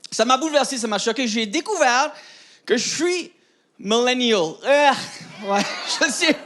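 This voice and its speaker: On a comedy stage before a live audience, a man in his thirties from New Brunswick, Canada, performs stand-up with an Acadian French accent, chatty and self-mocking, often laughing at his own lines. His very high voice is animated, unhurried and fairly bright, with faint audience laughter in the background.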